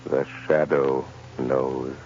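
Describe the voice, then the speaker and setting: An actor playing a mysterious, commanding, menacing crime fighter in a slow, theatrical 1930s radio drama style. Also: male voice, a bass voice, flat delivery, darkish tone, full character voice. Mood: urgent, grave. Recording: dull lo-fi 1930s radio recording, noisy.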